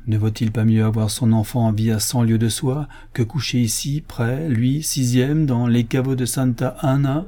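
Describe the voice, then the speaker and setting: A man voicing a stern, sorrowful old Corsican father who speaks gravely and wearily in an audiobook tale. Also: mid-range voice, steady tone, normal speed, few pauses, warm tone, lightly acted. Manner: grave, weary speech.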